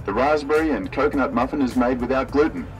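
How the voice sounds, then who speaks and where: A man's voice: medium pitch, fast talker, low-quality recording. Male AI order taker on a drive-thru speaker. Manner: polite, upbeat customer-service phrasing. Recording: music bed under the voice. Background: music.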